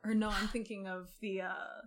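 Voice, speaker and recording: A woman speaks as a podcast host in an earnest, conversational style. Her pitch sits in an ordinary middle range for a woman, and she sounds appreciative and sincere as she addresses guest and listeners. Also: level tone, moderate pace.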